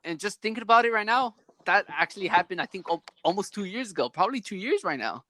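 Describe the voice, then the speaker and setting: A man's voice: sits high, expressive, fast talker, pushed and bright. A young man hosting a podcast over a video call, chatting casually and rambling animatedly with lots of "like" fillers. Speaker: podcast host. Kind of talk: casual chat.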